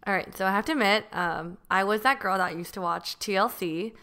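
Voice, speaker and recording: A woman's voice: medium pitch, fairly quick, sharp tone, clear, resonant tone. A woman co-hosting a podcast in casual, conversational chat. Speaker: podcast co-host.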